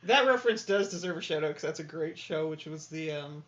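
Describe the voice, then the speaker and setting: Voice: mid-range voice, expressive, a little fast, a bit bright. A podcast co-host in casual chat who teases with dry jokes, on dull lo-fi audio.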